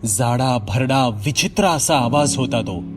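A man narrating a scripted horror story in a slow, measured storytelling manner. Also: medium pitch, lively intonation.

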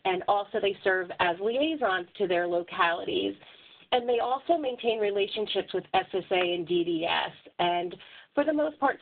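A woman giving an informational webinar presentation in a hesitant, explanatory way as its moderator. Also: fairly low pitch. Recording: muffled, narrow phone-like line.

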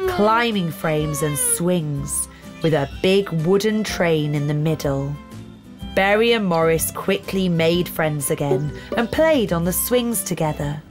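A woman reads a children's story in a calm, soothing way. Her voice sits a little low and she takes her time over every line. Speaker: narrator.

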